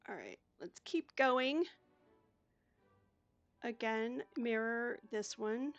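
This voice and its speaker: An older woman chatting casually as she plays a cozy game, talking herself through each step in a soft voice. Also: a little high, very slow, vocal fry, no echo, lo-fi sound, faint music behind. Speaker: gaming YouTuber. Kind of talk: casual gameplay commentary.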